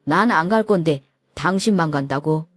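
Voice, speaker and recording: A woman's voice: low-pitched, moderate pace, slightly rough, dry recording, pitched below the performer's own voice. A blunt, fed-up young husband in a storybook drama, played by a woman dropping her voice. He speaks firmly and plainly, close and dry. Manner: blunt, firm. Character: exasperated young married man, blunt husband.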